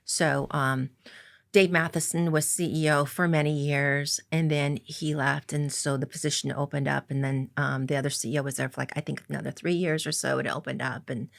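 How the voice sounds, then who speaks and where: Low gravelly-voiced woman telling her story. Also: fairly even intonation, moderate pace. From Coeur d'Alene reservation, Idaho, US. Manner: earnest, reflective, many um fillers. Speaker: interview guest, casino executive. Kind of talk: casual interview storytelling.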